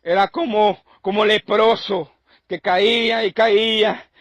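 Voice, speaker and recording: A man's voice: sits high, fairly even intonation, slow, a bit bright, dry recording. A man preacher giving an emotional testimony, telling his story in an intense, repetitive way. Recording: dull lo-fi dry sound.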